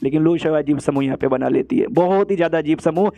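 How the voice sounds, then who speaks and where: Fast, high-voiced man recapping a story. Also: dark tone. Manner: fast, slangy, quotes characters in quick asides. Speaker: anime recap narrator.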